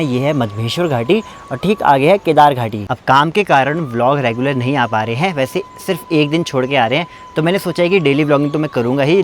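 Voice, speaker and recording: A man's voice: a little high, slight background noise. Chatty young man vlogging outdoors. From Uttarakhand, India. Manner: chatty, thanks viewers, slips on words. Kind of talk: casual travel vlog. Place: outdoors in a mountain valley.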